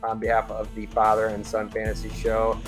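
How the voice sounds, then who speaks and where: A man hosting a fantasy football podcast and signing off the show in a relaxed way, with plenty of ums and you-knows. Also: fairly low pitch, fairly quick, music in the background. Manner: relaxed, filler-heavy, friendly. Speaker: podcast host. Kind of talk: casual podcast sign-off.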